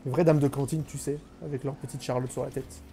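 A man's voice: medium pitch, fairly even intonation, quick pace, background noise. A young man streaming a live game, chatting with his viewers, joking and mocking himself as he plays. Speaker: gaming streamer. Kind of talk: live gameplay commentary.

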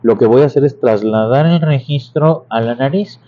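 A church music and singing teacher gives a casual vocal lesson in a mellow, mid-range voice at normal speed. He explains patiently, restarting often and offering many examples and sung demonstrations, on dull, slightly lo-fi audio with faint noise.

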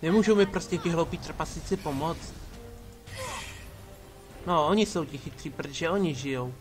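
Guy playing a game, sarcastic and a bit bossy, kinda high voice, game music loud behind him. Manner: mock-commanding, sarcastic asides to party members. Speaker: let's play gamer. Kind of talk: casual gameplay commentary.

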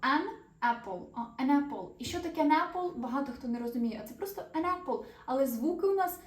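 A woman's voice: sits high, fast, darkish tone. A woman teaching a grammar lesson to viewers, explaining patiently and putting questions to them. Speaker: English teacher. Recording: echoey room, voice a little far from the mic.

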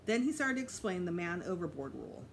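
Reading a children's story with a teacher's manner toward pupils, a middle-aged woman is expressive, occasionally slipping and correcting herself. Her fairly low voice is sing-song and quick. The home recording carries clear background noise.

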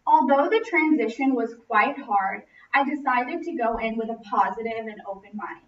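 A young student from Los Angeles gives a prepared personal speech in a classroom, her fairly high voice expressive and at a moderate pace as she projects across the room. A distant camera mic picks her up, so the sound is roomy, echoing, muffled and noisy.

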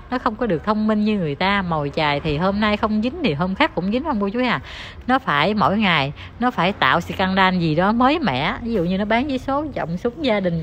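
A woman's voice: medium pitch, fairly bright tone, a little hiss or hum. A woman, ranting as an online commentator who talks straight to her viewers in a heated, scornful, insulting tone.

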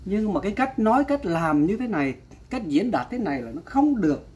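Husky exasperated male vlogger. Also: sits high, big pitch swings, a little fast, a little mellow. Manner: exasperated, addresses viewers often, repeats exclamations. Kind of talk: commentary vlog.

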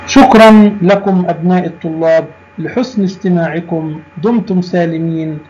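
A man teaching a recorded lesson to young pupils, drawing out each word slowly and saying "good" often. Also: high-pitched, darkish tone, a little hiss or hum. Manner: slow, drawn-out words, with frequent approving "good". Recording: dull, lo-fi recording.

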